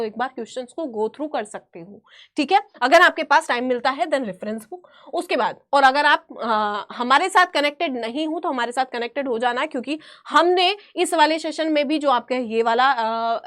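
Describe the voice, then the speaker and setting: A woman's voice: high-pitched, fairly bright tone. A woman teaching an exam-prep chemistry lesson, emphatic and repetitive, calling her students beta. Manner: emphatic, repeats phrases, calls students beta.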